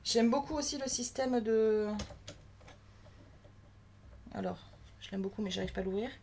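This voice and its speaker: A woman's voice: on the high side, normal speed, darkish tone, slight background noise. A woman from France giving casual, chatty unboxing commentary, thinking aloud as she handles a new crafting machine. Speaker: crafting vlogger.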